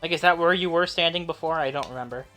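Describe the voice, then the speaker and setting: A laid-back man acts as game master for a tabletop game, chuckling between rulings. His voice is bright and forward, with soft music under the session. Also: a little high. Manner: laid-back, laughs often, quick asides. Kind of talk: running a tabletop game, casual chat.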